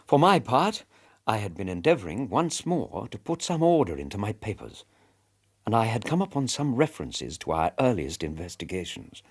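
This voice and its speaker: An actor playing a middle-aged gentleman doctor who narrates a radio drama in measured, literary storytelling. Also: fairly low pitch, sing-song, slightly rough, exaggerated voice. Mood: wistful reflective. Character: gentlemanly, reflective doctor recounting his friend's cases.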